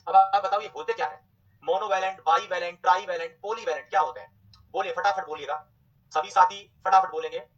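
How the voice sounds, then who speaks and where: A man teaching a nursing exam class, repeating terms slowly and quizzing his students. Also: sits high, steady tone, a bit bright, distant mic, muffled recording. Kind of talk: online exam coaching lecture.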